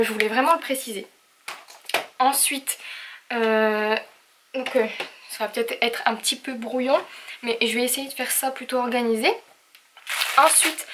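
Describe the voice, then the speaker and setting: A woman's voice: on the high side, background noise. A young woman chatting casually in a craft haul video, talking with many hesitations and fillers. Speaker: craft vlogger.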